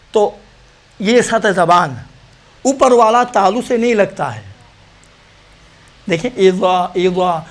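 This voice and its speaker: A man teaching Quran recitation in Pakistani-accented Urdu, sounding out letters again and again before he explains how to say them. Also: sits high. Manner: demonstrates letters by repeating them, then explains. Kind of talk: practical pronunciation lesson.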